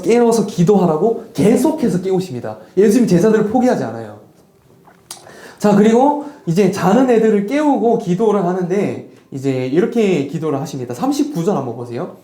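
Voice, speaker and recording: A pastor preaching to a young congregation in a lively, conversational way, asking the room questions and answering them himself. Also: medium pitch, a little fast. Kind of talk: sermon to a youth congregation. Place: church hall. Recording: echoey church hall.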